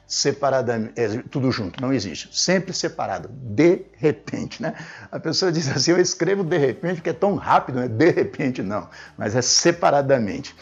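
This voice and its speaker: A man's voice: fairly high pitch, slightly rough, highs cut off. A man teaching a spelling lesson at a board, explaining each point methodically and repeating it, often tagging sentences with "né?". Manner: didactic, repeats key points with frequent "né?". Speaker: Portuguese language teacher. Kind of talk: classroom grammar lesson at a board.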